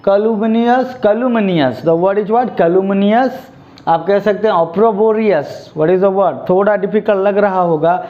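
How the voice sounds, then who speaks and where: A man with an Indian accent teaching English vocabulary, mixing Hindi and English and having the class repeat each word. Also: high-pitched. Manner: drills words, asks the class to repeat them. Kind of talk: spoken vocabulary lesson. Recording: dull lo-fi recording.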